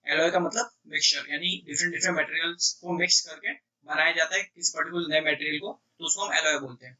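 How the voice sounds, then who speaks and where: A man teaching electrical engineering exam questions in Hindi mixed with English, who keeps checking "clear?" and reads the English questions out slowly. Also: on the high side, bright, forceful tone, distant mic, low-quality recording. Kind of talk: exam prep lecture.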